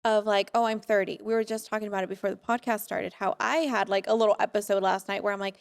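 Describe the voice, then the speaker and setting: A woman's voice: mid-range voice, little pitch movement, quick pace, gravelly, clear, resonant tone. Chatty twenty-something woman host. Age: 20s. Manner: chatty, relatable, asks open questions. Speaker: podcast host. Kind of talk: casual conversation.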